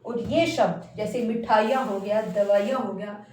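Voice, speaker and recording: A woman's voice: mid-range voice, fairly even intonation, moderate pace, darkish tone, slight background noise. A woman teacher giving a spelling lesson to a class, repeating words and asking the class questions. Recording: very echoey room, voice from far off.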